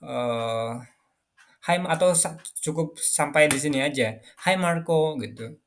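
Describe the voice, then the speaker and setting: A man teaching a casual online English lesson, reading example phrases slowly and explaining with many fillers. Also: medium pitch, fairly bright tone, slight background noise.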